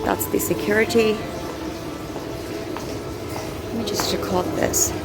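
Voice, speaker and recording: A woman giving a casual, unscripted hotel tour for a vlog, chatting in a halting way as she shows things around her. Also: medium pitch, steady tone. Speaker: vlogger touring a hotel. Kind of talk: casual handheld vlog narration. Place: small hotel room, later the hotel lobby, corridors and elevator. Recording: noisy handheld recording with background ambience.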